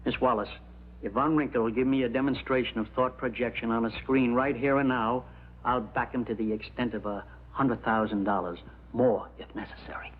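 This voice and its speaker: A male actor plays a wealthy, gullible businessman in a vintage crime drama, keen to put money on the table. His medium-pitched voice is husky. The old soundtrack makes him sound thin and boxed in. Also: steady tone, fairly quick, natural voice. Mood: eager, insistent. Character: gullible, wealthy businessman eager to back a scheme. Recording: tinny, muffled old TV soundtrack.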